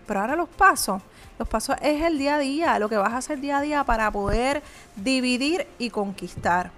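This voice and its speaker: Talking straight to her viewers in a motivational vlog, a small business owner offers sincere, conversational advice full of hesitant fillers. She speaks animatedly and fairly quickly in a high, somewhat bright voice, with slight hiss or hum present.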